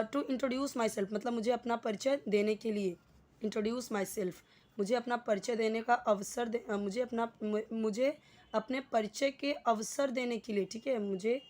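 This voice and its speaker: A woman with an Indian accent teaching an English lesson in Hindi, patiently explaining and slowly repeating example phrases. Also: a little high, darkish tone.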